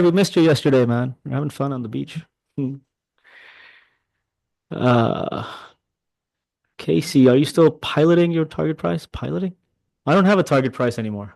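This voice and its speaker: A middle-aged man, a day trading mentor, commenting on a live trading session, excitable and talking to his chat, swearing when frustrated. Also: medium pitch, vocal fry, dry recording.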